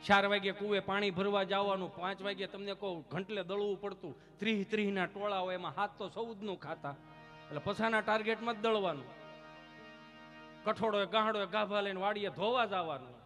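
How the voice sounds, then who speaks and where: A man telling comic folk stories on stage at a village gathering, teasing and lively. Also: sits high, a little fast, faint music behind. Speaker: folk storyteller and comedian.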